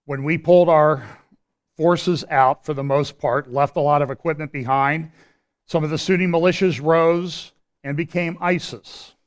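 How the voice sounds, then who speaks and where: A man presenting a church prophecy update in a conversational commentary style, pausing and restarting as he walks through a map and his views. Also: fairly high pitch, steady tone. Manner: explains while pointing at a map on screen.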